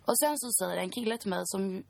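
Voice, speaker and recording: A woman's voice: mid-range voice, expressive, vocal fry, darkish tone, dry recording. A woman in her twenties, a podcast guest, recounting a personal story in a chatty way full of fillers.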